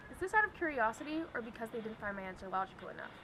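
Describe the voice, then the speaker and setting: A woman's voice: a little high, very animated, very fast, sharp tone, low-quality recording. A young woman from Ireland giving wry, scripted personal narration as a student. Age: young adult. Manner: wry, questioning. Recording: clear background noise.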